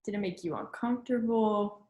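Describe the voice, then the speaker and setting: A woman's medium-pitched, dark-toned voice reads a children's picture book in a teacherly, instructive style, pausing to ask young listeners questions. The sound is roomy and lo-fi.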